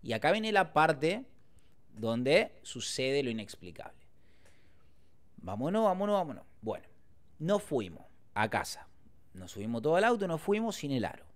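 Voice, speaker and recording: A man's voice: medium pitch, sing-song, moderate pace. A young Argentine man telling a casual story as a podcast host, slangy and rambling with frequent filler tags. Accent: Argentine Spanish.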